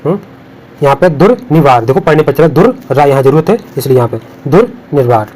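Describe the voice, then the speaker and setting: Man drilling Hindi spellings, fairly high voice. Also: lively intonation, brisk, darkish tone, a little hiss or hum, poor audio. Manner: repetitive, drills words and warns of exam traps. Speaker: Hindi exam tutor. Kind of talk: spelling lesson over on-screen notes.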